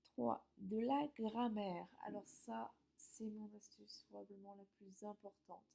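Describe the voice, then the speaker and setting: A woman's voice: mid-range voice, fairly even intonation, a little slow, vocal fry, dark tone. A woman English teacher giving friendly, explanatory study tips to her students, with some hesitations.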